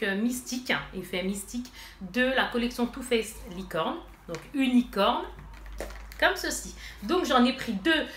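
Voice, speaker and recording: A woman with a stuffy nose from allergies hosts a casual makeup haul, swatching products and chatting right at her viewers with frequent fillers. Her voice is fairly high and fairly bright. Faint noise and an echoey room color the audio.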